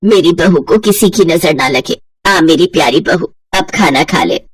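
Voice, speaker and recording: A woman voicing a kind, loving middle-aged mother-in-law who speaks softly and soothingly. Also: lowish voice, measured pace, husky, dry recording, studio quality, voice pushed down. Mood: doting. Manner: soft, soothing, affectionate.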